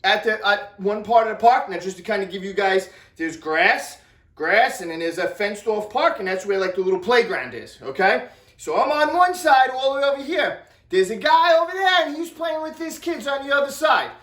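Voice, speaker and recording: A man telling personal stories to viewers in an animated, exaggerated way, with sound effects. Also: high-pitched, moderate pace. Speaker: storyteller vlogger. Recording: roomy, distant mic.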